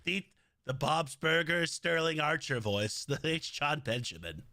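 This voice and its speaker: A man's voice: a little high, unhurried, no echo, studio quality. A man live-streaming a game, chatting casually with his viewers, joking and cursing as he plays. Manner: animated, profane, joking banter with chat.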